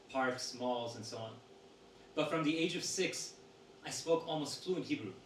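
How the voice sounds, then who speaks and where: A man reading a woman's interview answers aloud to an audience in a steady, measured voice. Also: mid-range voice. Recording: roomy sound from a distant mic with faint noise.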